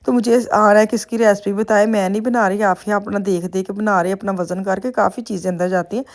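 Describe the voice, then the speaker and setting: A woman's voice: medium pitch, fairly even intonation, fast talker, a little mellow. A middle-aged woman from Pakistan with a Punjabi accent, chatting in a rambling, homely way as she narrates her daily vlog. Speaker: vlogger. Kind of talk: casual vlog voice-over.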